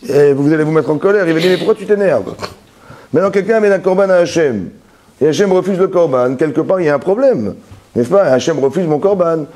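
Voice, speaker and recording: A man's voice: on the high side, quick pace, dark tone. A man, a rabbi, giving a Torah lesson that explains with everyday examples, with many restarts and repeated words, often checking that his listeners follow.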